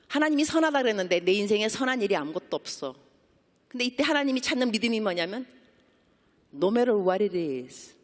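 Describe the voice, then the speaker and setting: A woman preaching a sermon as a guest missionary, asking the congregation questions and mixing in English words. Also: mid-range voice. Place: church sanctuary. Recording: long church hall reverb.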